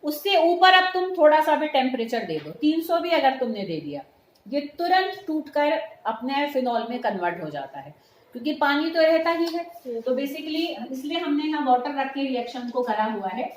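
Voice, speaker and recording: A woman's voice: high-pitched, big pitch swings, normal speed. A middle-aged woman teaching a chemistry class, explaining patiently and mixing in English terms. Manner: explains patiently, mixes English terms, calls students beta. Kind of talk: classroom lecture. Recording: echoey room with faint noise.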